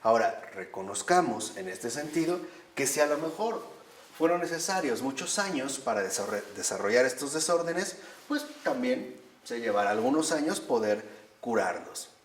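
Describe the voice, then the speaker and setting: A man's voice: medium pitch, big pitch swings, normal speed, slight background noise. A man gives an emphatic spiritual talk, asking his audience questions and answering them himself. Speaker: speaker giving a talk on recovery steps and meditation. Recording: echoey room, from far off.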